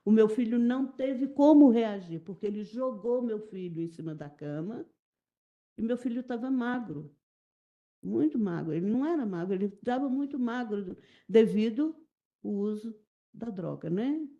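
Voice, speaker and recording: Halting Brazilian woman giving courtroom testimony. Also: fairly high pitch, animated, lo-fi sound. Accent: Brazilian Portuguese. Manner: halting, repetitive, emotional recounting. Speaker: witness testifying in a jury trial.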